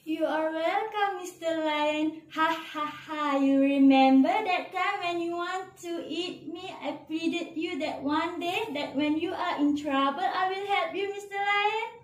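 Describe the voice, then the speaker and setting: A woman voicing a tiny, timid female mouse in a loud, squeaky, sing-song voice, recorded in an echoey room from a distance. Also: unhurried, hardly any pauses. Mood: cheerful.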